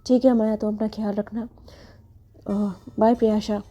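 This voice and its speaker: A woman's voice: medium pitch, level tone, normal speed, mellow, natural voice. A woman storyteller voicing a polite, sweet-talking young woman with a hidden scheme. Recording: dull lo-fi with faint music.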